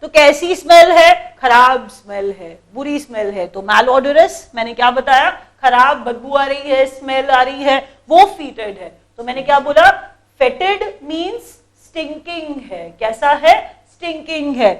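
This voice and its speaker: In a classroom lesson, a woman with an Indian accent teaches English vocabulary in a high, light voice at a measured pace. She explains things patiently, repeats every word several times, and keeps quizzing her students.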